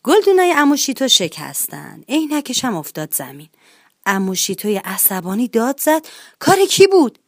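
A woman reading a children's storybook aloud in a lively, expressive way. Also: mid-range voice, no echo, studio quality.

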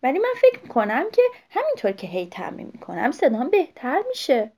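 An eager little owl boy, as a woman storyteller puts him on, earnest and blunt, his voice pitched up and bouncing around. He talks insistently, like a clumsy youngster in a spoken storybook. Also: wildly swooping pitch, a little mellow, heavily acted.

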